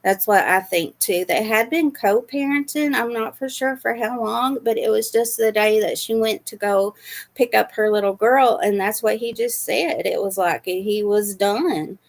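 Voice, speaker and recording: Creaky-voiced woman chatting to viewers. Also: fairly high pitch, a little slow. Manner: rambling, sympathetic, many fillers, reads chat aloud. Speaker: livestream host reacting to news. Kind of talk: casual chat with viewers.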